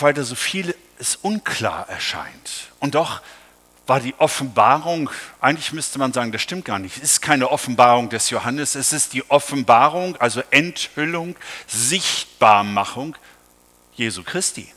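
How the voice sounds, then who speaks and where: Emphatic preacher in a reverberant hall. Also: male voice, mid-range voice, animated, moderate pace, bright, forceful tone. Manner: emphatic, addresses the congregation directly with questions. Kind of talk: sermon.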